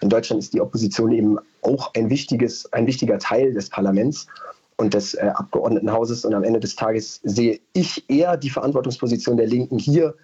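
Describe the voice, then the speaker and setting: A man's voice: mid-range voice, fairly even intonation, brisk, mellow, slightly rough, dull audio. A man from Berlin answering as a radio interview guest, thoughtful and hesitant, with many fillers. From Berlin, Germany. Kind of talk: casual interview.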